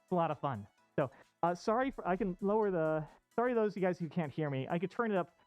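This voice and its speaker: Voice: mid-range voice, lively intonation, fast talker, no echo, soft background music. Muffled, chatty streamer speaking from inside a costume head. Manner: informal, chatty, rambling. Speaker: livestream host. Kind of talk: casual chat. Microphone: off-costume streaming microphone.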